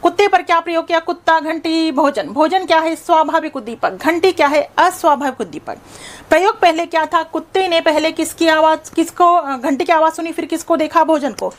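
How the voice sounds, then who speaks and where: A woman teaching a psychology lesson, asking her students questions and answering them herself, then repeating a definition more and more slowly with heavy stress on key words. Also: very high-pitched.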